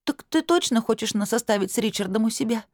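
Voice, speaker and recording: A woman's voice: medium pitch, lively intonation, moderate pace, a little mellow, husky, no room sound, studio quality, pitched above the performer's own voice. A woman reading an audiobook voices a stubborn teenage girl who wails and talks nasally through her sobs. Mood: hopeful. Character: sobbing stubborn teenage girl, sulky then eager.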